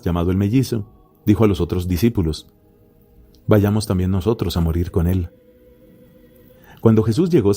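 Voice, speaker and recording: A friar reads scripture in a low, deeply mellow voice with no edge at all. His delivery is solemn, measured and unhurried, with steady pauses between phrases. Faint Gregorian chant plays softly behind him. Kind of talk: solemn Bible reading. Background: faint Gregorian chant music.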